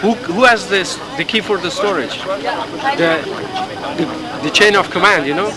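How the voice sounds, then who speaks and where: A middle-aged man from Afghanistan, interviewed outdoors, speaking haltingly with many restarts and fillers. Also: high-pitched. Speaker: hunger striker being interviewed. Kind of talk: street interview. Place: outdoors in a busy public area. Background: crowd noise.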